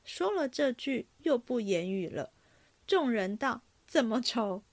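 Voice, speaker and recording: A woman narrating a classic novel aloud in a slow, deliberate reading. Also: a little high, big pitch swings, a little mellow, dry recording. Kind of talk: read-aloud storytelling.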